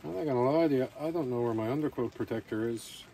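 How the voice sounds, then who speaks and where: Talking fast in a gravelly, dark, mid-range voice, a man rambles casually through his camping vlog. He's outdoors at a rainy campsite, and faint ambient sound comes through.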